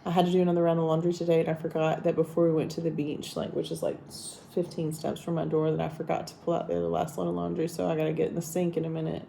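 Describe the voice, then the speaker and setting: A woman's voice: low voice, little pitch movement, racing, creaky, few pauses, mellow, slight background noise. A woman vlogging in casual chat, rambling and teasing as she talks about her day. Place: hotel room abroad.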